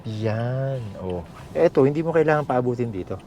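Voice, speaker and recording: A man's voice: mid-range voice, expressive, normal speed. A Filipino man coaching as a driving instructor inside a moving car, giving short commands and tag questions, with machine noise behind him. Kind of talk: hands-on coaching, casual instruction. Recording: muffled audio with loud car engine noise. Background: engine and vehicle noise.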